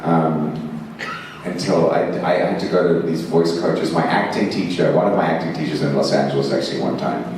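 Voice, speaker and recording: A man's voice: very deep voice, steady tone, fairly quick, a little mellow, distant mic, a little hiss or hum. A man from Zimbabwe, an actor answering fan questions at a convention panel, rambling and self-mocking with frequent laughs and fillers. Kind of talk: convention Q&A storytelling. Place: large convention hall. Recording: echoey hall, mic heard from afar.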